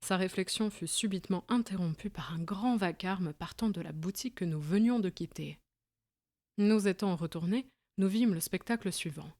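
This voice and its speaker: A woman narrates a classic detective story in a steady, clear reading voice. Her pitch sits a little low for a woman. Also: moderate pace. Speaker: audiobook narrator. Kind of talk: scripted narration.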